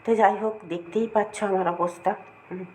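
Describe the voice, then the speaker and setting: A middle-aged woman chatting casually to her viewers at home, rambling about her day, with a cold and a slightly hoarse throat. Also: mid-range voice, steady tone, brisk, a little mellow, slight background noise. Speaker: vlogger. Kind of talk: casual daily-life vlog chat.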